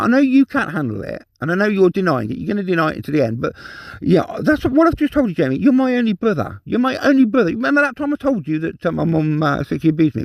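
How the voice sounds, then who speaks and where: Agitated ranting man, gravelly. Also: fairly high pitch, no echo, muffled recording. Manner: ranting, repetitive, swearing, emotional outbursts. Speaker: vlogger. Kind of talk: agitated personal monologue.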